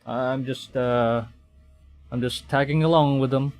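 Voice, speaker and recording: Speaking a little slowly in a slightly mellow, medium-pitched voice with fairly even intonation, a VTuber streamer from the Philippines reads game text aloud on a live stream. He throws in hesitant, stuttering asides over the game's music.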